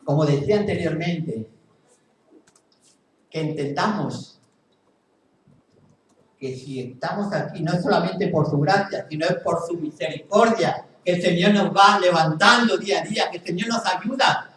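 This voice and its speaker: A man's voice: high voice, normal speed, pauses often, a bit bright. A male pastor with a Spain Spanish accent preaching earnestly in a church hall, repeating phrases for emphasis. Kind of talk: sermon. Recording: very echoey hall, mic far off.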